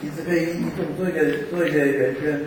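Halting man in an echoey hall. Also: a little high, fairly even intonation. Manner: halting, many restarts and checks of OK. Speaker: Bible study leader. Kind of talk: giving group-work instructions. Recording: echoey hall, far from the mic, noisy.

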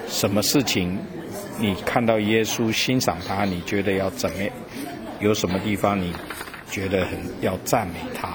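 Lowish male group facilitator, calm and relaxed, crowd chatter behind. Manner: calm, relaxed, soft tag words. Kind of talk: explaining a group task.

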